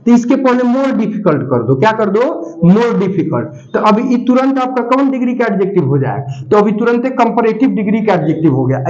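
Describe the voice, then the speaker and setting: A man teaching an English grammar class, who repeats key points, asks students check questions and dictates notes slowly. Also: high-pitched, a little mellow. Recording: dull lo-fi sound.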